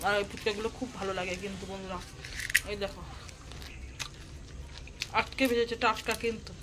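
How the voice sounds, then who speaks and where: A woman's voice: medium pitch, steady tone, brisk. A woman vlogging at home, chatting to her viewers in a running commentary while busy with chores, recorded on a handheld phone as she moves indoors and out. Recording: noisy household ambience.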